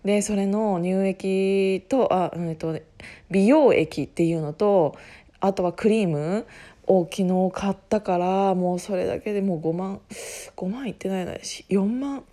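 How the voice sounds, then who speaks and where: A woman talks casually on her own in a medium-pitched voice with a hoarse, husky edge. She rambles along, cutting into her own sentences and circling back as she goes. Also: unhurried, warm tone. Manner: rambling, self-interrupting, often laughing at herself. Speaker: podcast host making an announcement. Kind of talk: casual solo chat.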